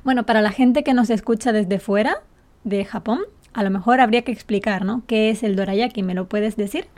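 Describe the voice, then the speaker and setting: A woman from the Canary Islands co-hosts a casual podcast and teaches Spanish, her mid-range voice fairly quick and a little mellow. She explains words patiently and laughs often.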